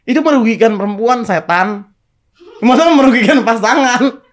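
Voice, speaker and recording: High-voiced blunt jokey man. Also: expressive, moderate pace. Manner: jokey, flustered, blunt with crude slang. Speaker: podcast guest. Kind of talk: casual podcast banter.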